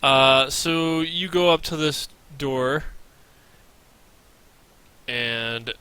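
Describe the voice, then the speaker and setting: A man's voice: mid-range voice, drawn-out words, sharp tone, clean tone. A man narrating as dungeon master in an online tabletop game, hesitant and laughing often.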